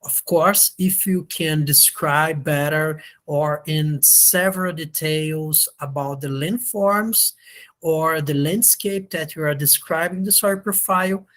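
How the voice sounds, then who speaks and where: A university lecturer who isn't a native English speaker and sounds slightly ill explains things hesitantly over a video call, frequently checking whether she is understood. Her voice sits at medium pitch, slow and a touch bright.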